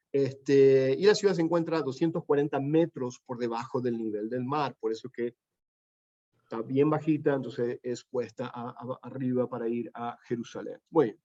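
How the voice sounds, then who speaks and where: A man preaching a sermon, teaching in a plain conversational way with many pauses and restarts, often asking the congregation questions. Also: mid-range voice, mellow, dull audio.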